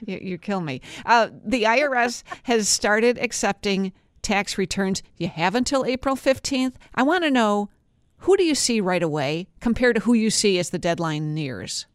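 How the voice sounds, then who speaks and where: A woman's voice: medium pitch, animated, moderate pace, no room sound. A woman hosting a live radio news interview, asking questions into a studio microphone.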